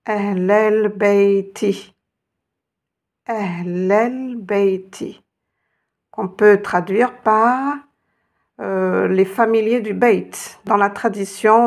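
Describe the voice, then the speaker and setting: A woman teaches Arabic reading, patiently encouraging her students and drawing out each sound. Her voice is medium-pitched with vocal fry.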